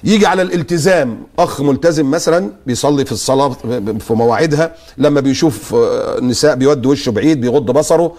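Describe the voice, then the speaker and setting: A man with an Egyptian accent, a guest preacher giving animated commentary and mock-quoting his opponents. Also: mid-range voice, quick pace, hardly any pauses. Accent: Egyptian Arabic. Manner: lively, mock-quotes opponents. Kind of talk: animated religious talk-show commentary.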